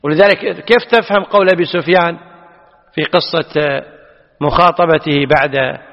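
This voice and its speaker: A man's voice: a little high, moderate pace. A man teaching a lesson on a classical text, patiently explaining and putting questions to his students. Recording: dull audio, long hall reverb.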